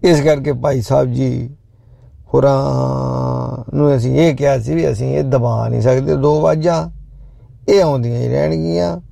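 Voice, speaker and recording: A middle-aged male host with a deeply gravelly, heavily fried voice, his tone dark and mellow, heard dry and close. He talks loudly and at length to his listeners, joking one moment and preaching the next. It comes across as a casual live chat between songs. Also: steady tone, measured pace, no echo. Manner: loud, preachy, jokey, talks directly to listeners. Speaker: show host.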